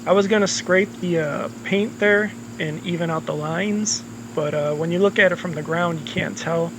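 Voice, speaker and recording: A man's voice: on the high side, moderate pace, noisy background. A man casually narrating his home-repair project, rambling with lots of ums and the odd swear word, his voice a bit worn. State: losing his voice. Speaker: homeowner vlogger.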